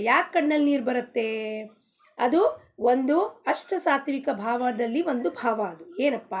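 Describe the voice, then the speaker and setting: Woman spiritual teacher, high voice, question-and-answer devotional talk. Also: darkish tone. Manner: asks rhetorical questions and answers them herself. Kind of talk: devotional discourse in Kannada with sung Marathi abhang.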